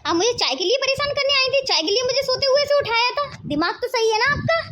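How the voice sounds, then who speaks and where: Cartoon: lazy, rude young daughter-in-law, very high and snappy. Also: female voice, fast talker, slight background noise. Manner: snappy, grumbling.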